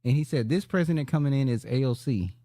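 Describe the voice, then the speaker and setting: A man's voice: medium pitch, fast talker, warm tone, no room sound, studio quality. A man co-hosting a podcast in casual chat, blunt and fond of retelling what others said. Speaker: podcast co-host.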